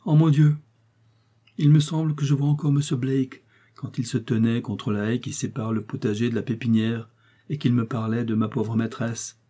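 A man's voice: medium pitch, steady tone, normal speed, dark tone, breathy edge, lightly acted. A man voicing a nervous aging woman servant who trembles and sobs as she pleads. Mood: tearful confession. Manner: trembling, sobbing pleas.

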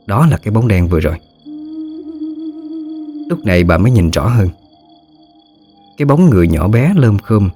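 Deep-voiced man narrating. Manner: steady storytelling. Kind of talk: scripted ghost story narration.

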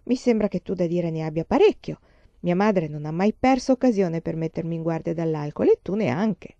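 A woman reading the lines of a kind, easygoing pioneer father in a gentle, reassuring way. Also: lowish voice, animated, normal speed, dry recording, muffled recording.

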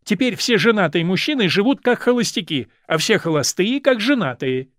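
Man doing a fussy older high-society lady, meddling matchmaker, raised pitch, lively swoops, storybook reading. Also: normal speed, dry recording, studio quality. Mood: teasing.

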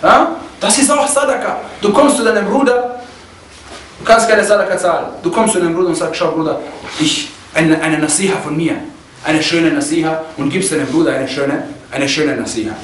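A man giving a religious lesson, reading quotes quickly in Arabic and then explaining them with anecdotes, often asking "ja?" and growing indignant in his stories. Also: fairly high pitch, a bit bright, far from the mic, slight background noise. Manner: grows heated and indignant when telling a story. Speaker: religious teacher. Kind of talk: lecture explaining hadith with anecdotes. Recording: roomy sound, speaker away from the mic.

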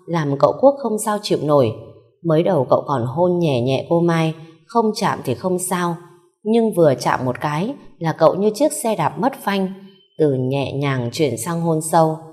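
A woman narrating a story in an even reading voice, giving the characters' lines a little more force. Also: lowish voice.

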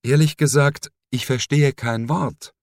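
A man's voice: mid-range voice, fairly even intonation, measured pace, no echo, voice pushed up, lightly acted. A man voicing a frightened but defiant young woman held captive, in an audiobook reading. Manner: breathless, pleading, then defiant.

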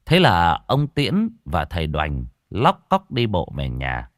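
A man narrating a ghost story in a lively, folksy, colloquial way. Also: sits low, slow, dry recording, studio quality.

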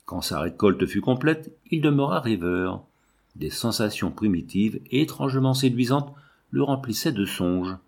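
A man narrates a novel as an audiobook in a low, husky voice. His reading is measured and even.

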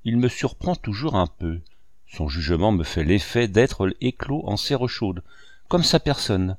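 A man reading an audiobook, voicing a kindly, good-humored painter and uncle who speaks warmly and teases gently. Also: on the low side, animated, measured pace, dry recording, clean studio sound. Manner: warm, gently teasing.

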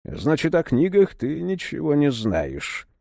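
Man doing a cold, bassy henchman. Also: measured pace, vocal fry, dry recording, clean studio sound, heavily acted. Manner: bass, calm, indifferent interrogation.

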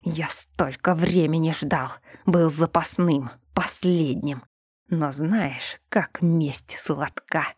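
A woman voicing a vengeful male spirit that possesses a girl, talking in a low, slow, hissing whisper. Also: lively intonation, a little mellow, breathy edge, no room sound, studio quality, heavily acted. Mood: menacing.

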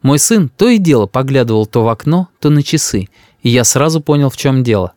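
Man reading a funny story out loud, pitch all over, dry close mic. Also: animated, a little fast, dry recording. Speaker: audiobook reader. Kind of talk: first-person story narration.

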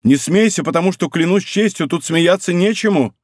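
A man's voice: on the high side, animated, normal speed, dry recording, clean studio sound, natural voice. A man reading an audiobook, voicing a hot-headed young nobleman who speaks urgently and earnestly.

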